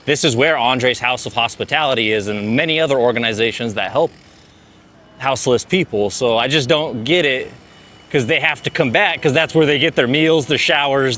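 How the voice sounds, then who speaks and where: His voice is medium in pitch and a bit bright, with a little hiss or hum behind it. He's a laid-back vlogger doing casual, chatty talk to the camera while riding through the city on a bike, using "dude" a lot.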